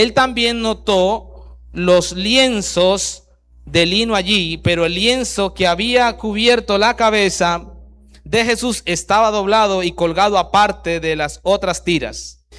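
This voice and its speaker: Preaching in a high-pitched voice, the pastor reads scripture aloud and cuts in with rhetorical questions. His volume rises to loud bursts and drops to very soft lines.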